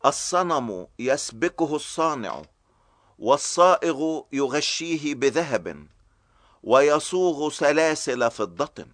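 A man reading a chapter of scripture aloud in a slow, measured, grave recitation. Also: a little high, expressive, a bit bright, no echo, studio quality. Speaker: scripture reader. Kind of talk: solemn scripted Bible reading.

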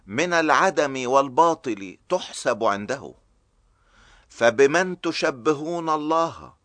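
A man reading a chapter of scripture aloud in a slow, measured, grave recitation. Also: fairly high pitch, fairly bright tone, dry recording. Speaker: scripture reader. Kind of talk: solemn scripted Bible reading.

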